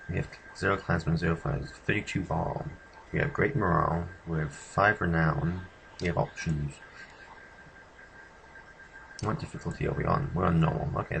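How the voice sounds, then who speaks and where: A man's voice: low-pitched, creaky, fairly bright tone, slight background noise, low-quality recording. A man commenting casually and a little unsure as he plays a game and thinks aloud, recorded on a built-in laptop microphone. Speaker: gamer doing a let's play.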